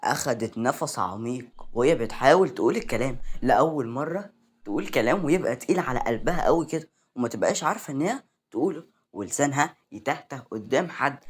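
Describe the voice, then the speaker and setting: Fast, expressive Egyptian storyteller woman. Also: a bass voice, husky. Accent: Egyptian Arabic. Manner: dramatic, expressive reading. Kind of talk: reading a serialized romance novel.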